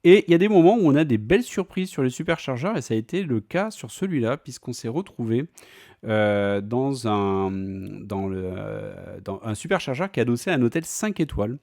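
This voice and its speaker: A man's voice: mid-range voice, lively intonation, normal speed, vocal fry, darkish tone. A man talking casually in a vlog, chatty and full of fillers and restarts. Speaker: vlogger.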